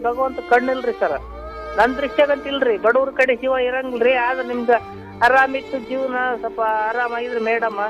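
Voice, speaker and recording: A woman from Raichur with a North Karnataka accent, earnestly consoling a caller on the phone and repeating herself. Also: fairly high pitch. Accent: North Karnataka Kannada. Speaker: prank call target. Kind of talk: phone call. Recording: muffled phone line with music.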